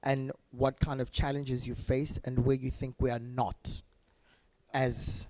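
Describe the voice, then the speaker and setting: A man's voice: mid-range voice, flat delivery, takes it slowly, darkish tone. Panel moderator guy, mid voice, rambly questions with lots of ums. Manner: loose, filler-laden questions.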